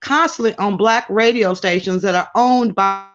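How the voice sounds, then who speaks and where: A woman's voice: medium pitch, normal speed, fairly bright tone, faint music behind. A woman calling in as a guest, talking emphatically and rambling with restarts over a crackly call line that keeps dropping. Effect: crackly, dropping remote call line. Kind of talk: casual talk show discussion. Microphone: remote call. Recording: dull lo-fi call audio.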